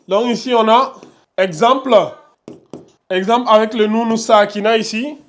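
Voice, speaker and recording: A man with a fairly high voice leads a classroom lesson at an unhurried pace. He patiently repeats each example, stretching the sounds out so his students can follow. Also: steady tone, a bit bright. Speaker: Quran recitation teacher. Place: classroom with a board.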